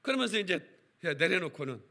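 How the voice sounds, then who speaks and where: Animated, bright-voiced preaching pastor. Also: male voice, high voice, fast, vocal fry. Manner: animated, calls for congregation responses, acts out quotes. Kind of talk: lively revival sermon with storytelling. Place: church service.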